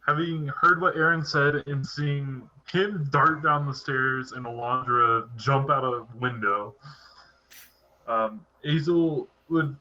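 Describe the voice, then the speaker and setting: A man casually playing a tabletop game, hesitant with many fillers. His tone is very bright and sharp, on slightly dull podcast audio. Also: mid-range voice, slow. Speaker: player.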